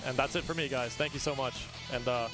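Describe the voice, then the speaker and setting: A man giving casual, excited live commentary while speedrunning a game. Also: mid-range voice. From not Australian. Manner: casual, excited, talks fast between game moments. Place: live event stage. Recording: game music playing behind.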